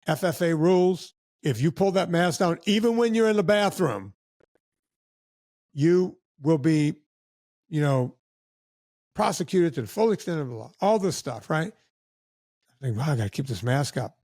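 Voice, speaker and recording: A man guest on a podcast, telling casual stories in an animated way and acting out what other people said. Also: fairly high pitch, moderate pace, pauses often, no echo, studio quality. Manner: animated anecdotes with acted-out quotes of other people. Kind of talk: casual storytelling.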